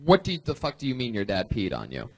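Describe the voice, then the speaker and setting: A man co-hosting a live comedy podcast, making wry, deadpan jabs at the comics. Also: mid-range voice, fast talker. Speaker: podcast co-host. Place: comedy club stage.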